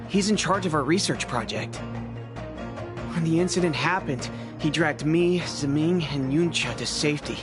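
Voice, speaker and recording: A man's voice: a little high, normal speed, close to an everyday voice. A man voicing a worried young apprentice. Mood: anxious. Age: young adult. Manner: worried, earnest, defensive. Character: anxious young male apprentice craftsman. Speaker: apprentice craftsman. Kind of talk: video game voice acting. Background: faint game music.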